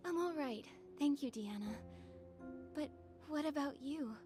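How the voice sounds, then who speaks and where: Soft, high-voiced young heroine. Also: female voice, animated, unhurried. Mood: earnest, soft. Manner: soft, thoughtful. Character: gentle, earnest young heroine. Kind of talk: video game voice acting. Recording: music under the voice.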